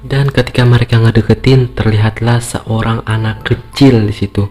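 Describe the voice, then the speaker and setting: A man's voice: fairly low pitch, level tone, normal speed, darkish tone. A man telling a horror story informally and conversationally, repeating phrases for emphasis. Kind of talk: informal spoken storytelling, acting out dialogue. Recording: music playing behind the voice.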